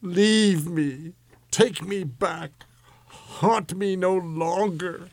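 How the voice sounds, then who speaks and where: A man's voice: sits high, extremely slow, no echo, voice pushed up, heavily acted. A man voicing an anguished old male miser in an audiobook, his voice broken and strained as he pleads. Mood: pleading. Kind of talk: audiobook character voice.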